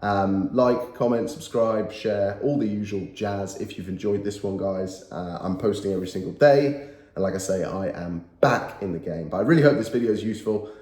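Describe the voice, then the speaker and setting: A man in his thirties, nasal with a cold, delivers earnest and emphatic motivational talk to camera as a YouTuber, repeating his key phrases. His voice is lowish and a little mellow at a moderate pace, recorded with a roomy echo.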